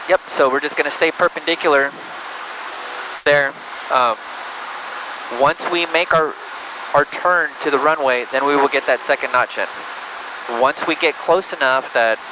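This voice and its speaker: A man works as a flight instructor, talking a student through each step in plain, informal language. His voice is mid-pitched and comes over a headset, with clear engine and cockpit noise behind it. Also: normal speed. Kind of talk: hands-on instruction during a flight. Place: small airplane cockpit in flight. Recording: loud engine noise in small aircraft.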